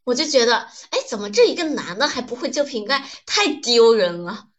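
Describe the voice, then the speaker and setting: A woman's voice: a little high, very animated, brisk. A woman playing a brash, blunt tomboy. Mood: ranting. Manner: blunt, loud-mouthed, indignant ranting. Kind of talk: comedy skit acting.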